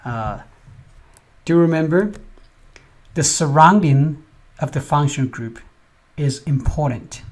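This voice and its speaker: Husky-voiced man giving a chemistry lecture. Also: a little high, slow pace, pauses often. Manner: explains step by step, often asks "right?". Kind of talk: recorded lecture over slides.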